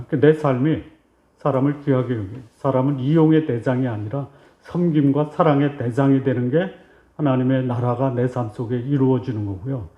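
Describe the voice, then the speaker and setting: A male pastor giving a Sunday sermon. He asks the congregation questions and answers them himself, and he acts out short exchanges between God and a believer. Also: medium pitch. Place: church sanctuary. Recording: roomy, slightly dull church recording.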